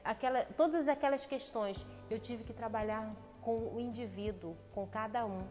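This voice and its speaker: Woman, church devotional speaker, reflective storyteller; slightly high voice, long hall reverb. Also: moderate pace, a little mellow. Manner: reflective, tells a personal story to explain a point. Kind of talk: personal devotional talk. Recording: long reverb with faint background music.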